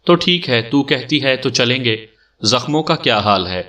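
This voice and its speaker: A man's voice: medium pitch, lively intonation, sharp tone, distant mic. A man voicing an elderly, doting eunuch elder who wails and fusses in exclamations. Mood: tender coaxing. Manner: wailing, fussing exclamations.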